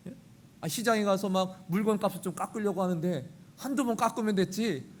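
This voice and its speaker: A man preaching a sermon in a church in a high, animated voice that swings widely in pitch. He talks to the congregation directly, checking in with them, and slips into acted voices for the lines he quotes. A faint hum of the room sits behind him. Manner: lively, conversational preaching, often asking "예?" to the congregation; acts out dialogue voices in quoted prayers. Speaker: pastor. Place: church sanctuary.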